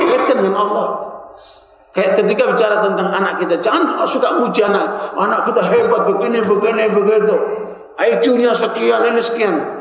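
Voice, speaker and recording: Preacher's voice echoing through a mosque hall. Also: male voice, high voice. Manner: lively storytelling, acting out quoted people. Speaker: preacher giving a Quran commentary study. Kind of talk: mosque lecture sermon. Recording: very echoey hall, speaker far from the mic.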